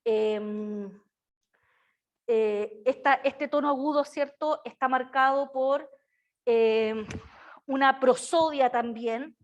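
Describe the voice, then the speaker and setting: A woman's voice: high-pitched, slow pace, pauses often, lo-fi sound. A woman giving a classroom lecture on early childhood education. She keeps checking in with her students through tag questions and slips into a sing-song baby-talk voice for her examples.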